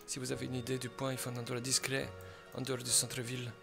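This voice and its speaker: A man with a gravelly, creaky voice plays a mafia boss in a game role-play, speaking with a put-on Italian accent. He talks in a calm, commanding way and lays out each step of the plan. Clear music plays behind him. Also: mid-range voice, fast. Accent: fake Italian accent.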